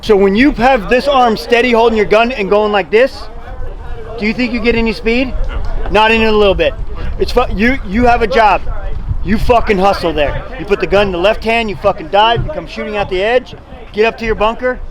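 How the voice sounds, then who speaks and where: A man with a high voice gives blunt, profane coaching to a paintball player. He talks with intensity. A crowd is audible around him outdoors. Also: fairly quick. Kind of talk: coaching feedback.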